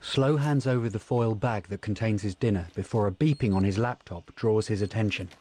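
Low, mellow male audio description narrator. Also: fairly quick, slight background noise. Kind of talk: scripted film audio description.

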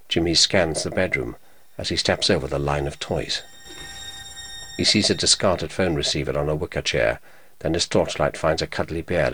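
Deep guy doing audio description, steady and neutral, low low voice. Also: breathy edge. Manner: measured, neutral. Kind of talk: scripted narration.

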